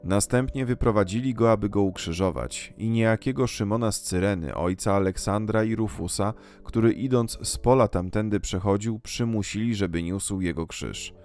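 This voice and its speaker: A man with a low voice reads scripture slowly and reverently, like a liturgical reading. Soft guitar music plays quietly behind him. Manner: measured, unhurried, reverent delivery. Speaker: scripture reader. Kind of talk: solemn liturgical Gospel reading.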